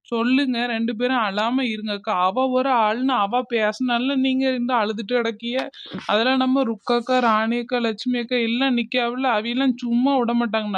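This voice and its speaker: A man plays a firm village woman friend in a cartoon, speaking in a very high, smooth voice. She soothes and reproaches plainly. The recording is slightly dull and lo-fi. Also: dry recording, lightly acted. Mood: consoling. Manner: soothing then bluntly reproachful.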